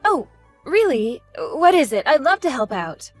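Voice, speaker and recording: Audio drama: woman to play polite, apologetic daughter-in-law, meek and placating, high register, light music underneath. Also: sing-song, a little slow, dry recording. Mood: eager to help. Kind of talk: scripted audio drama acting.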